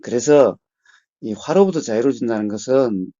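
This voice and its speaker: A meditation teacher answers a caller in a phone counseling talk, giving patient explanations slowly and steadily. His mellow voice is lively in pitch, and he stays calm and measured, often murmuring short assents. The recording is dry and dull, like a muffled call.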